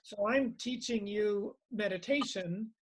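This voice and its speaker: A man's voice: high-pitched, measured pace, a little hiss or hum, rough recording. A man teaching meditation informally, reflective and repeating phrases for emphasis.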